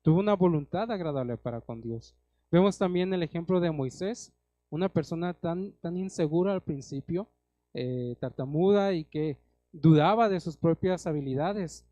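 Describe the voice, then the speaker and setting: Young Mexican male preacher, earnest sermon delivery, a little high-pitched, dry sound. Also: lively intonation, moderate pace, dry recording, muffled recording. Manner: earnest, addresses the congregation as brothers, rises loud on scripture quotes.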